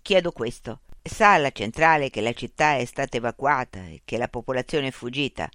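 A man's voice: medium pitch, lively intonation, normal speed, fairly bright tone, dry recording, clean studio sound, close to an everyday voice. A narrator voicing a frustrated man who argues with a machine in an exasperated, insistent way. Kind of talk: audiobook character voice.

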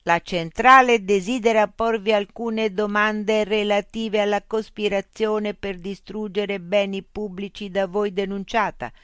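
A narrator voicing a pair of robotic guard automatons who croak formal warnings in unison. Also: mid-range voice, steady tone, unhurried, few pauses, a bit bright, no echo, clean studio sound, voice pushed up, natural voice.

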